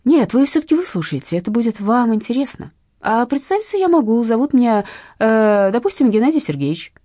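A sly, ceremonious old man on the phone, courteous on the surface and menacing underneath, as a woman reads him in an audiobook. The voice is dark and husky, with pitch that rolls up and down. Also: big pitch swings, a little fast, no room sound, clean studio sound. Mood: smoothly menacing. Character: elderly courteous male blackmailer, smooth and sly. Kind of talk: audiobook narration.

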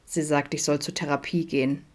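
Woman doing a quiet, worn-down dad in a storybook, low soft voice. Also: flat delivery, normal speed, natural voice. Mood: subdued. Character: middle-aged father, shy, troubled, self-critical.

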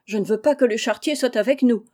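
A spoiled, snobbish young girl in a storybook reading, high-voiced and petulant, as a woman narrator puts her on. She speaks with cold disdain and a whiny insistence, over a mellow, soft-edged tone. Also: quick pace, lightly acted. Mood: haughty. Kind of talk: audiobook character reading.

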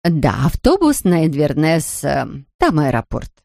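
An audiobook narrator voicing a blunt old woman who keeps a village shop, speaking slowly and plainly. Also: medium pitch, wildly swooping pitch, creaky, darkish tone, dry recording, clean studio sound, full character voice. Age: older. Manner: blunt, drawn-out speech.

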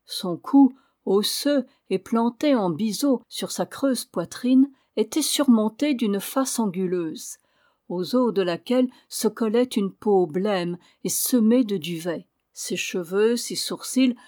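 A woman reading a classic adventure novel aloud in a measured storytelling manner. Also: mid-range voice, warm tone. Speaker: audiobook reader. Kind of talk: scripted narration of a novel.

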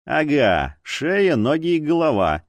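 A man's voice: medium pitch, sing-song, moderate pace, dry recording, natural voice. A man voicing a grumpy, sarcastic older policewoman, a former chief, who grumbles and scolds. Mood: snapping.

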